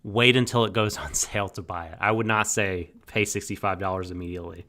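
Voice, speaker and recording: A man co-hosting a casual podcast chat, chatty and quick to laugh. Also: deep voice, fairly even intonation, sharp tone. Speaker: podcast co-host.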